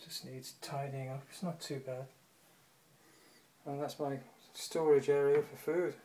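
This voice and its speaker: A man giving a relaxed, offhand walkthrough of his boat, pausing with the odd uh, recorded on a handheld camera in a shed and a small cabin. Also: mid-range voice, slight background noise, poor audio. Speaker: boat owner giving a tour. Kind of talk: casual walkthrough narration. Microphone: handheld camera or phone.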